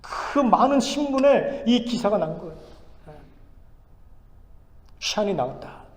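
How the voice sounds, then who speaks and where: A man in his forties, a pastor telling a story in a Sunday sermon, swinging from loud exclamations to hushed asides. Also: high voice. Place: large church sanctuary. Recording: echoey church hall, long reverb.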